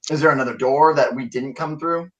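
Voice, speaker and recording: A man chats casually as a player in a tabletop game. His voice is a bit high. He comes across as insistent and mischievous. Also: fairly quick, fairly bright tone, muffled recording.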